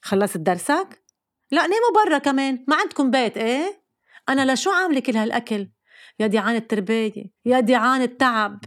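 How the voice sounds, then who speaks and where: A nagging, bossy Lebanese mother, as a woman puts her on, firing off questions and scolds in a raised, higher voice at a brisk clip. She is fussy and relentless. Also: expressive, close to an everyday voice. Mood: scolding. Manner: scolding rapid-fire questions.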